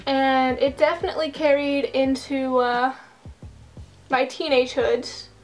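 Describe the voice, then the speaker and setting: A woman's voice: high voice, little pitch movement, unhurried. A young woman chatting casually while doing her makeup at home, rambling and self-deprecating, into a desk microphone. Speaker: streamer and vlogger. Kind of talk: casual get-ready-with-me chat.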